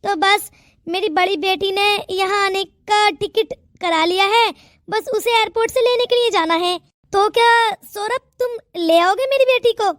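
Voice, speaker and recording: A woman's voice: very high-pitched, unhurried, fairly bright tone, no room sound, studio quality. A woman voicing a stern, wealthy older father in a cartoon, speaking in a commanding, fatherly way. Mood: earnest.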